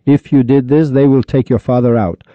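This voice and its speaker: A man from Iran giving a heated, upset religious monologue, scolding listeners with insults and rapid-fire rhetorical questions. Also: mid-range voice, steady tone, no room sound. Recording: dull lo-fi recording.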